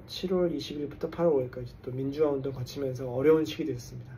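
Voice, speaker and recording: Racing along in a steady, mellow, mid-range voice, a man in his forties from South Korea chats to camera in a casual vlog while a little tipsy after drinks. He hosts a channel as a construction engineer and English coach and weaves English jargon into his talk. The recording is from a distance with slight background noise.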